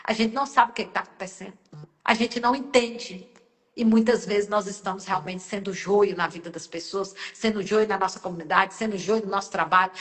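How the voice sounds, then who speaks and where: A woman's voice: medium pitch, fairly bright tone, in a large hall. A woman minister preaching earnestly in short emphatic phrases during a live sermon.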